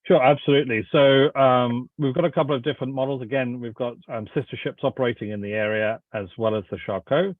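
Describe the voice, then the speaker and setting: A man answering questions as a company representative, informal and halting in his delivery. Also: medium pitch, steady tone, no echo. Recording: thin phone-like line.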